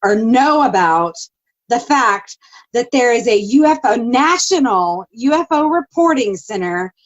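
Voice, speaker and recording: A woman's voice: on the high side, expressive, unhurried. A woman from Texas co-hosting a casual podcast chat, teasing and dry, laughing along. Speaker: podcast co-host. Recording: dull lo-fi sound.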